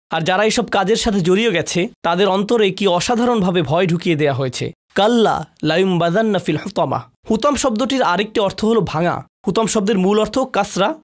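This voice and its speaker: A man giving a religious lecture on a Quran chapter, explaining word meanings, reciting Arabic phrases and stressing key words. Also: high voice.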